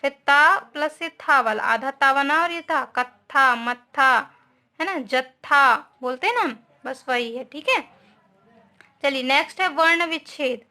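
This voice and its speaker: A woman's voice: sits high, pushed and bright. A woman teacher giving a grammar lesson to schoolchildren, spelling out each word, asking the class questions and often adding a short tag question.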